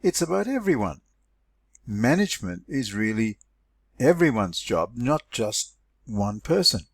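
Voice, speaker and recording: A man's voice: medium pitch, big pitch swings, unhurried, no room sound, clean studio sound. A man reading aloud the part of a puzzled, sceptical business colleague, conversational and questioning. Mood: sceptical, musing. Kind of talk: story dialogue read aloud.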